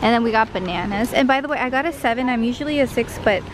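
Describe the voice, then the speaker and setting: A woman's voice: a little high, fast talker. A woman in her thirties chatting casually through a shopping vlog, upbeat and giggly, reading out prices as she goes. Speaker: vlogger. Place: big warehouse store, indoors. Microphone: handheld camera at arm's length. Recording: noisy store background.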